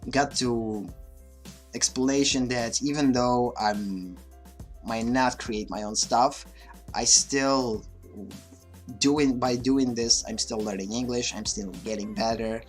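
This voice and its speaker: This livestream host speaks slowly with fairly even intonation and a medium-pitched voice, faint music behind him. Originally a Russian speaker, he talks in English with a mixed, slightly Russian accent, casual and hesitant, restarting often and leaning on fillers.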